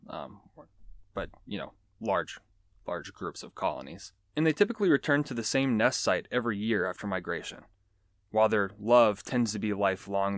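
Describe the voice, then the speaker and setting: Joking low-voiced nature show host man. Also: fairly bright tone, no room sound, studio quality. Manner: joking, chatty, digressive asides. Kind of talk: casual educational podcast talk.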